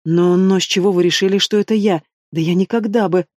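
A man's voice: high voice, steady tone, a little fast, a little mellow, dry recording, clean studio sound, natural voice. A man reading an audiobook, voicing a frightened young princess who talks in a trembling, pleading way. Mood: anxious.

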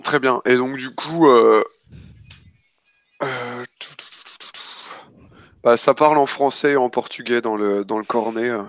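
A man improvising narration as a tabletop game master, casual and halting, often repeating words as he goes. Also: medium pitch, no echo, muffled recording.

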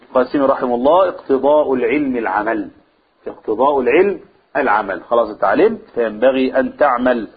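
A man with an Egyptian Arabic accent teaching a religious lesson to a group. He asks the room questions and answers them himself, and he draws out vowels to demonstrate recitation. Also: on the high side. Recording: husky, phone-like lo-fi recording.

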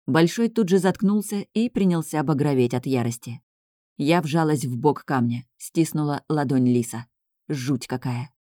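Woman reading a lively first-person story. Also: deep voice, moderate pace, no room sound, clean studio sound. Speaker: audiobook reader. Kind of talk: first-person audiobook narration.

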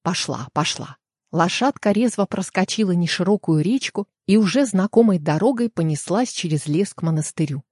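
A woman narrating a detective audiobook in a steady storytelling manner, on a close studio mic. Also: on the low side, brisk, few pauses, no echo. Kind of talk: scripted narration.

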